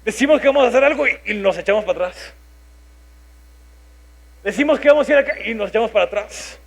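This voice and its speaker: A man's voice: very high voice, quick pace, gravelly. A man in his thirties with a Mexican Spanish accent, preaching a sermon, telling a personal story and acting out his own thoughts. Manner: animated, acts out his own inner voice.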